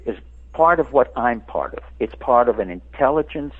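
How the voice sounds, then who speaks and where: Husky older man lecturing over a phone line. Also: mid-range voice, expressive, moderate pace. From France. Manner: emphatic, lecturing. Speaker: radio interview guest. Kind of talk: radio interview.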